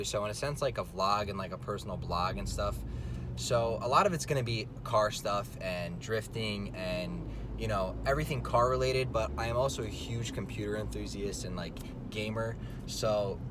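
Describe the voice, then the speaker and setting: A young man from New Jersey, filmed on a phone while driving, chatting loosely and rambling with lots of filler words. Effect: filmed on a phone in a moving car. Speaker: vlogger. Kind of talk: casual vlog chat while driving. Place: inside a car on the road. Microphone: phone camera mic. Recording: phone video with loud car rumble. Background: vehicle engine and road rumble.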